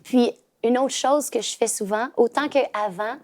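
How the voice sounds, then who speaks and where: A woman's voice: on the high side, unhurried, a little mellow. A woman in her thirties with a Québécois French accent, telling family stories as a guest on a talk show, with many fillers and restarts. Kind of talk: casual talk show chat.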